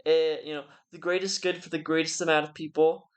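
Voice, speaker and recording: Someone drunk, rambling casually through an argument in halting phrases that trail off. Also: mid-range voice, little pitch movement. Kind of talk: casual rambling philosophical monologue.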